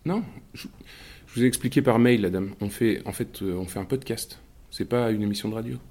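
Awkward podcast maker dude in audio fiction, lowish voice, hesitant, kinda condescending. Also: male voice, fairly quick, a little mellow. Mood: awkward, exasperated. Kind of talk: naturalistic audio fiction dialogue.

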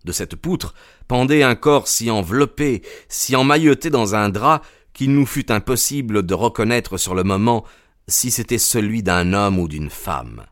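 A man's voice: lowish voice, animated, no echo, clean studio sound. Man narrating a dramatic audiobook. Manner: measured, dramatic storytelling.

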